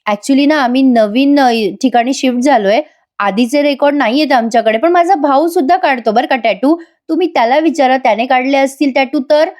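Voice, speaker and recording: A woman's voice: high-pitched, a little fast, darkish tone, voice pushed up, natural voice. A woman voicing a polite, helpful young male tattoo artist.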